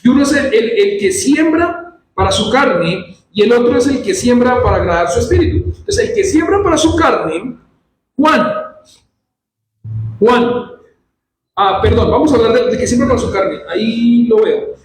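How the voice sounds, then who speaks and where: Pastor, man, very high voice, animated sermon; distant mic in a very echoey church hall. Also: normal speed, a little hiss or hum. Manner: animated preaching, acts out quoted voices. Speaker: pastor teaching a church service.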